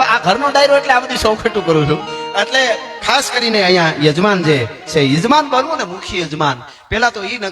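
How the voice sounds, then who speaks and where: A man's voice: high voice, fairly bright tone. A man telling stories at a religious gathering, chatty and earnest, with asides. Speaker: folk storyteller at a religious gathering. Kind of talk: live stage talk at a dayro. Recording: live hall echo with faint music.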